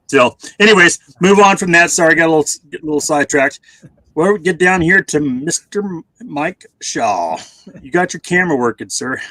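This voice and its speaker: A man's voice: fairly high pitch, animated, normal speed, pushed and bright, no echo, poor audio. A man in his forties chatting casually on a video call, rambling with many fillers and restarts. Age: 40s.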